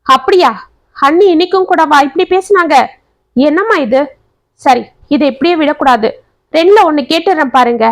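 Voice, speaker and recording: ஒரு பெண் கதைசொல்லி, துடிப்பான இளம் மகளின் குரலில் வேகமாகவும் ஆவேசமாகவும் பேசுகிறார். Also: female voice, high-pitched, fairly bright tone. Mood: worried. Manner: quick, fiery, eager. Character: spirited young graduate daughter, protective of mother.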